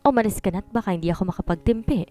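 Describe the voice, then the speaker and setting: A woman's voice: mid-range voice, very fast, dark tone, soft background music, close to an everyday voice. A woman voicing an angry, protective rich husband who speaks in a stern, threatening way in a story reading.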